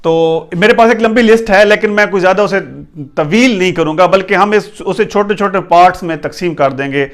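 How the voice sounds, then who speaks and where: A man giving a pronunciation lesson, spelling out words letter by letter and repeating them in a calm explaining way. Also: high voice, fairly quick, hardly any pauses. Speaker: English teacher.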